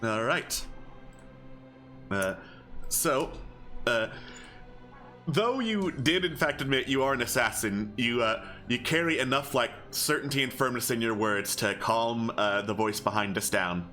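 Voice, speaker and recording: Slow, bright-voiced male game master. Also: medium pitch, faint music behind. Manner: halting, conversational. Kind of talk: improvised tabletop game narration.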